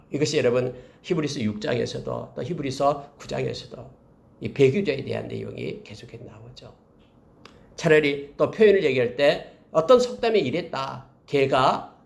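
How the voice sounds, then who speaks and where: Gravelly, lively-voiced Korean pastor preaching. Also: male voice, a little high. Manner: preaching with animated emphasis, addressing the congregation. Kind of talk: sermon.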